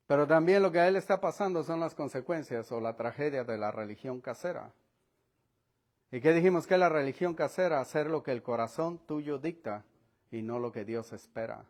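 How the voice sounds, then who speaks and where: High-voiced pastor preaching. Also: male voice. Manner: earnest preaching, reading scripture aloud and drops to quiet phrase endings. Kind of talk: sermon.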